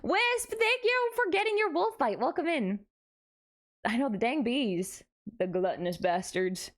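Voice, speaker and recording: Woman, higher-pitched, very varied intonation, playful, casual livestream host chat. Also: animated, unhurried. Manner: playful, chatting back to viewers. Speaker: variety streamer, VTuber host.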